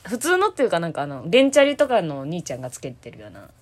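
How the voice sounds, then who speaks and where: Woman, podcast co-host, fast talker, playful, casual. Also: on the low side, sing-song. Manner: quick, playful, reads listener letters aloud. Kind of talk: casual chat.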